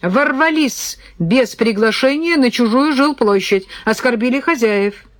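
A woman's voice: on the high side, animated, a little slow, no room sound, studio quality, pitched above the performer's own voice. A woman voicing a stern male police major in an audiobook, speaking in a curt official tone.

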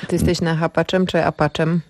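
A woman's voice: deep voice, little pitch movement, a little fast, a little mellow, no echo. A woman hosting a radio show, asking her guest playful questions in a casual chat. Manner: inquisitive, asks playful questions. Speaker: radio host. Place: radio studio.

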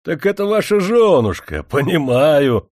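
Guy playing a rowdy mocking soldier, loud and high, laughing at everyone, dry close audiobook sound. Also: animated, a little slow, no echo. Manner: guffawing, mocking. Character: rough jeering male Breton cavalryman.

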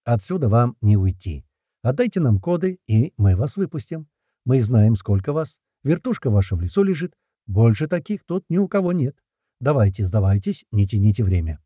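A man's voice: mid-range voice, sing-song, normal speed, dark tone, husky, dry recording, clean studio sound. A man voicing a cheerful, taunting enemy commander speaking over a radio in an audiobook.

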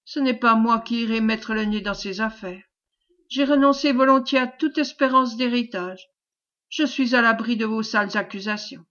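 A woman's voice: fairly high pitch, normal speed, a bit bright, muffled recording, natural voice. A woman reading aloud, voicing a calculating oil merchant who answers his brother in a cold, curt, condescending way.

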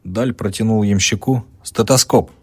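Deep husky male audiobook narrator. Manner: measured, expressive storytelling.

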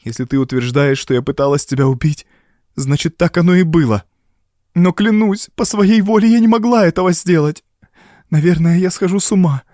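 A frightened young wife, as a male reader puts her on, pleads in a raised, unsteady voice. Her lines climb high and break with strain. The sound is dry and close to the mic. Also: fairly quick, dark tone, no echo, close to an everyday voice. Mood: despairing. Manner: pleading, trembling.

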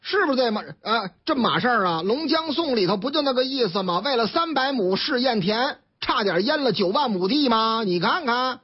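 A man's voice: very high-pitched, fairly quick, few pauses, slightly rough. A man with a Beijing accent hosting a chatty radio newspaper commentary show, retelling stories and acting out the people in them. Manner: lively storytelling, acts out quoted characters with voice changes. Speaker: radio news commentary host. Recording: dull lo-fi radio broadcast.

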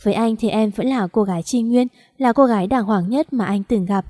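A woman voicing a gentle, protective young man who speaks softly and reassuringly. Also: a little high, a little fast, lightly acted. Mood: tender.

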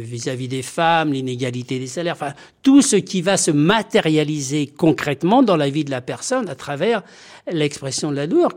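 A man who is a doctor and community health activist, giving documentary interview testimony in an earnest, emphatic way with frequent pauses and hesitations. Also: fairly high pitch, a little mellow.

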